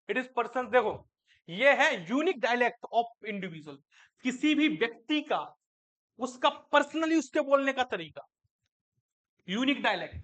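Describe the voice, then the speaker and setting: Male teacher, very high pitch, bright forceful tone, classroom lecture, quizzing students then answering himself. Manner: asks students questions and answers them himself; mixes English terms into Hindi.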